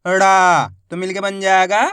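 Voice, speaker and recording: A man teaching children to read, spelling out syllables slowly and stressing each whole word loudly, with quicker, quieter explanations in between. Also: high-pitched, no echo, clean studio sound. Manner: drawn-out syllables, rising loud on each finished word. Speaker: Hindi reading teacher. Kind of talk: slow spelled-out phonics lesson.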